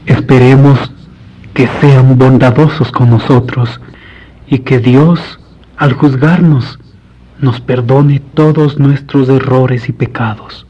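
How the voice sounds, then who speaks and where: A man's voice: medium pitch, fairly even intonation, dark tone, a little hiss or hum, natural voice. A man playing a devout, courteous priest in a radio drama, speaking formally and earnestly. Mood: earnest, pious. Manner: formal, measured, pious. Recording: dull lo-fi radio recording.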